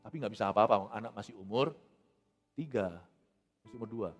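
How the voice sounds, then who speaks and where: A man from Indonesia preaching a sermon as pastor, animated and acting out quotes, with English phrases mixed in. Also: on the low side, fairly quick, long reverb tail, faint music behind.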